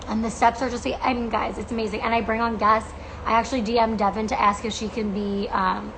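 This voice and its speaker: An American woman in her twenties with creaky vocal fry, chatting casually to fans on a livestream in a gushing, emphatic, slangy way. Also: mid-range voice, background noise. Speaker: podcast host and coach.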